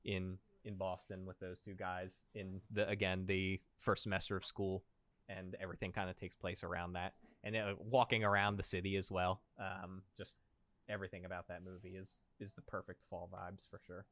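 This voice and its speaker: A man hosting a casual movie podcast, rambling and laughing often, trailing off quietly. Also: deep voice, level tone, normal speed, dry recording. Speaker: podcast host. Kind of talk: casual chat.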